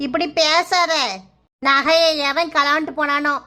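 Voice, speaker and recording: A woman's voice: high-pitched, fairly even intonation, a little slow, bright, forceful tone. A woman voicing a kindly older village woman in a cartoon, reassuring in a Kanyakumari Tamil accent. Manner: soothing, reassuring.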